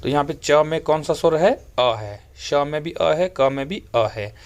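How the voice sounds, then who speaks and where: Man teaching slowly, word by word. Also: a little high, lively intonation. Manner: slow, spelled-out recitation. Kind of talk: lesson for school children.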